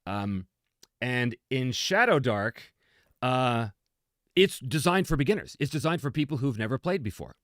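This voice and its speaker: This game master, game designer and host talks casually about tabletop gaming and takes questions in an emphatic, self-deprecating, conversational way. He speaks at a measured pace in a fairly bright mid-range voice with lively intonation, captured in a clean, dry studio recording.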